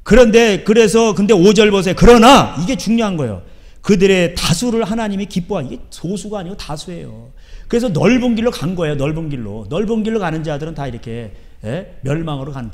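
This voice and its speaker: Brief: male pastor, high-pitched and emphatic, sermon in a church. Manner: emphatic, swinging from soft asides to shouting. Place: church sanctuary.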